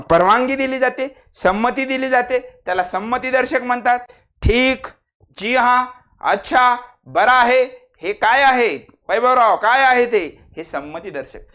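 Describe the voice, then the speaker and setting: A man with a Marathi accent and a high voice teaches a grammar lesson to an online class. He acts out each exclamation with big swings in pitch and loudness, then drops back to a low explaining tone, teasing students who stay quiet. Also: normal speed.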